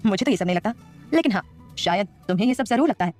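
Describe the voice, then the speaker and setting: A woman's voice: mid-range voice, expressive, very fast, darkish tone, faint music behind, lightly acted. A woman voicing an aloof, stern young man who answers curtly in an audio drama. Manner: curt, dismissive.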